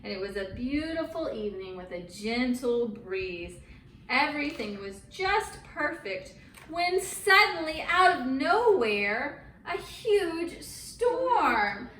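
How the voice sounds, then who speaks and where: A woman tells children a Bible story in simple, encouraging language, dramatically emphasizing parts as she chats with them. Her voice is high, very animated, slow, and slightly bright. The recording sounds roomy, with a distant mic and faint noise.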